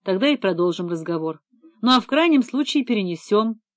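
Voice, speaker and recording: A woman voicing a calm, stern young male police detective who speaks in a measured, firm way. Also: medium pitch, no room sound, lightly acted. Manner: measured, firm, quietly patient.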